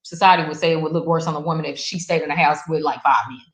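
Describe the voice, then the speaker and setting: A woman with a somewhat low voice tells stories in a casual talk-show chat. She gets animated and shoots up in pitch when she makes a point. Her voice carries a roomy echo. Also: very fast. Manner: animated, jumps high in pitch when emphatic.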